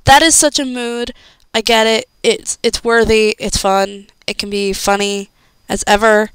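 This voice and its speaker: A young woman streamer rambles in a loose, chatty way, thinking aloud between fillers. Her voice is smooth and clear, recorded close and dry with no room sound. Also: on the high side, little pitch movement, unhurried, fairly bright tone, no echo, low-quality recording. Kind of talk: casual chat, reacting to a video.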